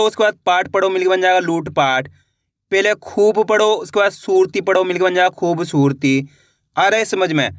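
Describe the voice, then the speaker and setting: A man's voice: high voice, fairly bright tone, no room sound, studio quality. A man teaching an online reading lesson, sounding words out syllable by syllable and then blending them, encouraging his viewers as friends.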